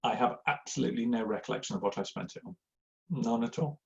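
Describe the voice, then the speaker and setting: A middle-aged man with a gravelly edge to his voice, talking to a live audience in a loose, rambling way. He wanders into personal anecdotes, pokes fun at himself and fills the gaps with ums and uhs. The recording is a little dull and lo-fi. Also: medium pitch, quick pace. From Yorkshire, England. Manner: rambling, anecdotal, self-deprecating, many fillers. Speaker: church giving speaker. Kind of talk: informal talk to a live audience. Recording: slightly dull lo-fi sound.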